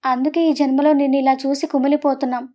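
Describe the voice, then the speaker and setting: A woman's voice: high voice, flat delivery, quick pace, mellow, close to an everyday voice. A woman voicing a distraught middle-aged mother who scolds and tearfully pleads with her grown son. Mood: tearful pleading.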